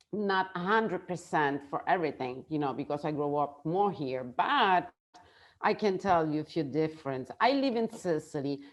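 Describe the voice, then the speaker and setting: A woman from Italy, a native Italian speaker with an Italian accent and a low-sitting voice, chats casually as a guest on a video call, often pausing to hunt for the right word.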